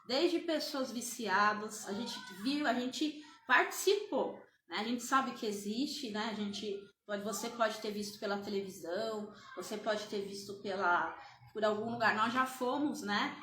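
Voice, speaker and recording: A woman's voice: medium pitch, unhurried, fairly bright tone, roomy sound, a little hiss or hum. A woman evangelist giving a church testimony, hesitant and full of fillers and restarts.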